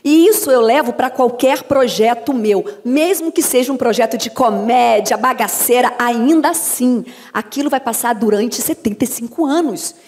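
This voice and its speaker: A woman's voice: on the high side, normal speed. Brazilian woman telling stories in a hall. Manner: lively storyteller acting out anecdotes. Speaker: voice actress and dubbing director. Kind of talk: lecture talk to an audience. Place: lecture hall. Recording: long reverb of a hall.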